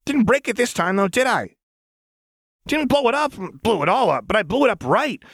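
A man's voice: high voice, big pitch swings, moderate pace, fairly bright tone, slightly rough, no room sound, studio quality, voice pushed up, exaggerated voice. A man voicing a volatile, unstable young woman mechanic who shrieks and rants frantically. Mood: manic ranting.

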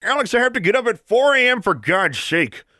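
A man voicing an irritated middle-aged stepfather who yells loudly and impatiently from another room, heard through a wall. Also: extremely high pitch, big pitch swings, a little fast, no echo, clean studio sound, voice pushed up, exaggerated voice. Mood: exasperated. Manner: loud, exasperated yelling. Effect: shouting through a wall from another room. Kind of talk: audiobook character voice.

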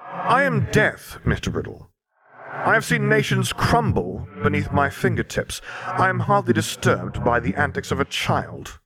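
A man voicing Death as a calm, ancient male figure who speaks grandly and with light amusement, in a storybook reading. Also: fairly high pitch, unhurried, a crowd in the background, voice pushed up.

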